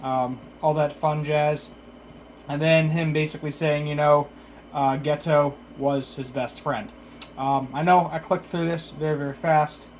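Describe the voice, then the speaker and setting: A man with a voice on the high side gives an unhurried, flat-sounding recap as a video reviewer, casual and unscripted. He rambles, hesitates, and corrects himself, his speech slightly slurred because his mouth is numb from the dentist. Slight background noise is present.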